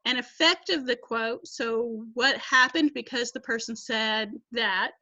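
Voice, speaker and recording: A woman's voice: fairly high pitch, a little slow, pushed and bright, dry recording. A woman teacher leading an online class, explaining patiently over a video call. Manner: explains patiently, reads quotes aloud. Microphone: laptop mic on video call. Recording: dull lo-fi video call audio.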